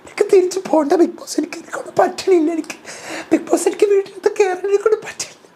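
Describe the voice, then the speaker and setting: Woman doing a frantic young woman begging to leave, shrill, wobbly, near tears. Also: rapid-fire, dark tone, slight background noise. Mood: tearful pleading. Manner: whiny, tearful pleading. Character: distraught young woman pleading to leave the house.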